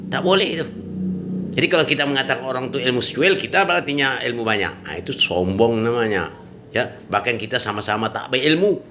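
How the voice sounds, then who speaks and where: A man's voice: mid-range voice, animated, quick pace, pushed and bright, slight background noise. A man giving an informal religious talk, emphatic and colloquial, with frequent "ya" and "nah" tags. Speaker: religious preacher.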